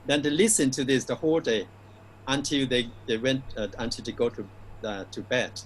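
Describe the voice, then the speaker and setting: A male monk explains old customs in a relaxed discussion. His voice sits at a middle pitch. He often pauses on "you know" as he goes along. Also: slight background noise, poor audio. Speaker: Buddhist monk. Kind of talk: casual Dhamma discussion.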